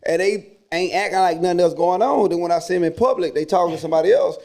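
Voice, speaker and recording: A man's voice: high voice, fast, darkish tone. A man hosting a podcast, telling stories and talking casually in heavy slang. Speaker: podcast host. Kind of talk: casual chat and storytelling.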